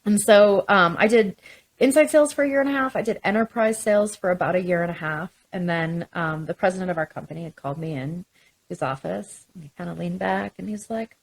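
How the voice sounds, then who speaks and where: A woman's voice: lowish voice, brisk, gravelly, poor audio. A woman telling her story as a podcast guest, chatty, with frequent ums and restarts. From Canada. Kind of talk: casual interview chat.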